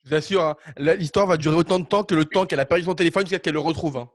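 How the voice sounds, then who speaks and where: A man's voice: fairly high pitch, racing. A young man hosting a radio show, joking and teasing his guests as he introduces them. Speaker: host.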